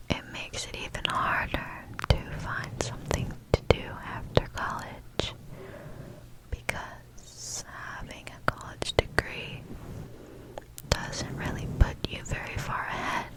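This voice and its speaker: Female ASMR host, whispered pep talk, extremely unhurried, soothing and encouraging delivery. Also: low-quality recording. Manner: soothing, reassuring, repeats words gently.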